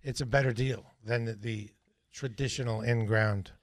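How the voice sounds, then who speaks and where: A man's voice: medium pitch, fairly even intonation, moderate pace, dry recording. Curious radio host man, dry studio sound. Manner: curious, asks pointed questions. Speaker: radio talk show host. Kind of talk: call-in radio interview.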